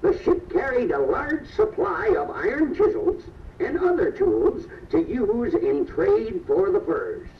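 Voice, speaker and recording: A man's voice: very high-pitched, wildly swooping pitch, slow pace, creaky. A man giving scripted historical narration as the ride narrator, in a stately storybook delivery, played back over a PA. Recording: distant roomy lo-fi PA playback.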